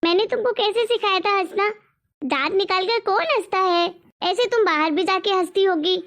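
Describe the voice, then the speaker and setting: A woman's voice: extremely high pitch, moderate pace, fairly bright tone. A woman voicing a strict, nagging middle-aged mother in a cartoon story, lecturing and scolding.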